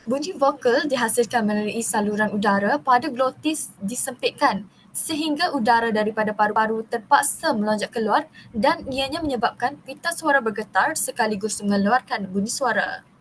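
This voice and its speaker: A young woman from Malaysia reads a university class presentation in a fairly high voice. She keeps a steady, careful pace but trips over long technical words and starts them again. A faint hiss sits under the recording. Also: normal speed, low-quality recording. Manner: reads steadily, stumbling and restarting on long terms.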